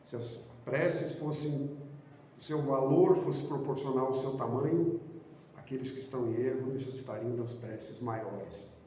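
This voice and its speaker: A man's voice: medium pitch, measured pace, warm tone, a little hiss or hum. A man with a Brazilian Portuguese accent giving a spiritist doctrinal lecture, posing rhetorical questions and repeating phrases for emphasis. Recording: echoey hall, speaker far from mic.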